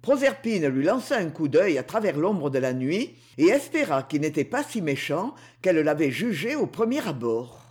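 A woman narrating a mythological storybook audiobook in an expressive storytelling manner. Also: low voice, normal speed, hardly any pauses, slightly rough.

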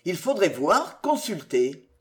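A reader voicing a proud, irritable aristocrat, a marquis, in an audiobook, gruff and commanding. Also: medium pitch, sing-song, takes it slowly, a bit bright. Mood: musing. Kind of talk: audiobook character reading.

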